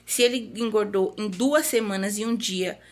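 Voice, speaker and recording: A woman's voice: medium pitch, normal speed. A young woman from Brazil with a Brazilian Portuguese accent, chatting casually to her viewers in a vlog as a new mother. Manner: chatty, talks to viewers as "gente" and to her newborn.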